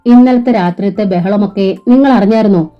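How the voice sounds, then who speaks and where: A woman's voice: mid-range voice, a little fast, muffled recording, soft background music, lightly acted. A woman reading the part of a worried male friend explaining what happened. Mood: earnest. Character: worried male auto-driver friend recounting news.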